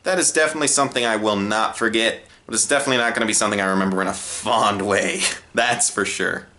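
A young man narrating a personal story, swinging between low deadpan asides and high exasperated outbursts. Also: fast talker.

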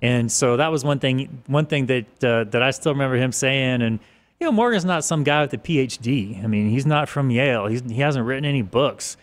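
A man in his mid-forties, a guest in a podcast interview, talking casually in a rambling way with restarts, on a desk boom mic in an office studio. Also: fairly quick. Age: 40s. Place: office studio with large windows.

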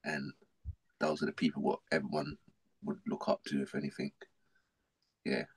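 A man's voice: a bass voice, normal speed, vocal fry, breathy edge. A middle-aged man from South London with a South London accent, telling his life story as a podcast guest in casual, slangy talk. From South London, England. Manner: slangy, animated, repeats himself.

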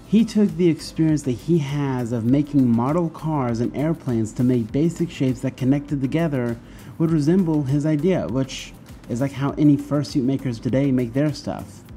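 A man's voice: medium pitch, unhurried, dark tone, faint music behind. A young man in a costume head, telling a story in a chatty, upbeat way, his voice muffled through the mask. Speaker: furry vlogger. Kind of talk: casual storytelling vlog.

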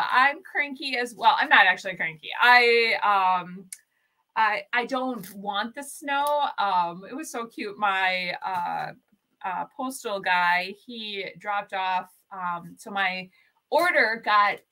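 A woman's voice: a little high, bright, forceful tone, rough recording. A woman hosting a casual craft livestream, bubbly and chatty, greeting viewers by name with lots of ums. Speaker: craft shop livestream host. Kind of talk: casual live-stream chat.

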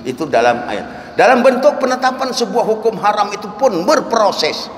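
A man preaching a dawn lecture in a mosque, telling stories with lively swings and chanting verses. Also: sits high, normal speed. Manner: animated storytelling with chanted Quran verses. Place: mosque hall. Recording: echoey hall, faint room noise.

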